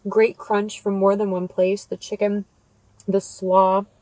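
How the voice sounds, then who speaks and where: A woman's voice: mid-range voice, flat delivery, slow pace, a little mellow, dry recording, rough recording. An American woman giving a casual food review to viewers, talking between bites of crunchy fried chicken. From United States. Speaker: food vlogger, mukbang host. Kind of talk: casual food review chat while eating.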